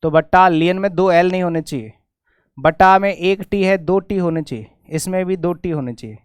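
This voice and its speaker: A middle-aged Indian English teacher leads a spelling lesson, spelling words out and repeating them over and over. His voice sits a little high and sounds smooth and clear. The recording is dry and close, with no room sound. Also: normal speed, no echo. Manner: explains patiently, spells words out letter by letter; repeats words many times, slips and corrects himself. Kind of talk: spelling lesson for exam students.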